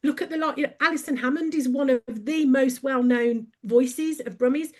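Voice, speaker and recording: A woman's voice: high voice, normal speed, a little mellow. A woman with a Birmingham accent, a podcast guest who tells stories with animation and laughs easily. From England. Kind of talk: podcast conversation.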